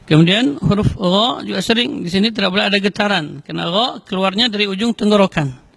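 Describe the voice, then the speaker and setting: A man teaching correct Quran recitation, explaining letter sounds slowly and carefully between chanted verses. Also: high-pitched, creaky, a bit bright, breathy edge, no room sound. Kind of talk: tajwid lesson with recited examples.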